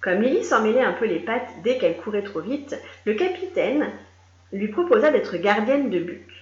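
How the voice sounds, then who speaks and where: A woman reading a children's story aloud in a lively, animated way, doing voices for the characters. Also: fairly high pitch, moderate pace. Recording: echoey room, dull lo-fi sound.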